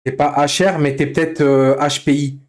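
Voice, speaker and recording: Man, live streamer, casual chat, exasperated venting, lots of swearing, nervous laughter, slightly high pitch. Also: level tone, moderate pace. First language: French.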